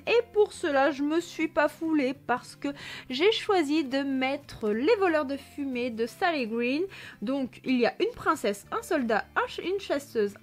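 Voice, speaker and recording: A young woman presents her reading list in a chatty, enthusiastic vlog, with frequent fillers. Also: high-pitched. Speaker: book vlogger. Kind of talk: casual book haul presentation.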